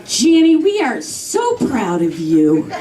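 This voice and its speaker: A woman's voice: fairly high pitch, wildly swooping pitch, takes it slowly, dark tone, full character voice. Woman doing her blunt doting mother. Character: fussy proud middle-aged mother, blunt. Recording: distant roomy stage mic with crowd.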